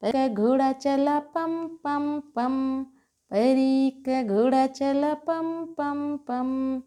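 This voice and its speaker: A woman telling a doll play story and voicing a caring mother doll in her own gentle, motherly way. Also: high voice, drawn-out words, soft background music. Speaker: storyteller doing all doll voices.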